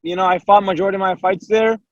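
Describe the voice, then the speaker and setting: As a guest in a casual interview, a young American MMA fighter with a high voice talks quickly and with fairly even intonation. His earnest answers pour out in long runs full of fillers and lines quoting himself, and the audio is dry and dull with no echo.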